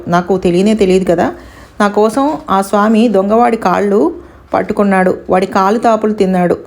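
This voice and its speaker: A woman's voice: mid-range voice, darkish tone, natural voice. A woman voicing a remorseful, devout male scholar in an anguished, self-reproaching tone.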